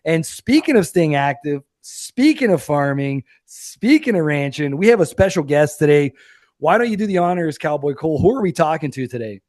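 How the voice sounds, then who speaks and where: A man in his late thirties co-hosting a podcast, talking in an energetic, slangy, enthusiastic way. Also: fairly high pitch, normal speed, no echo, clean studio sound. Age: 30s. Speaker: podcast co-host. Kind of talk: casual chat.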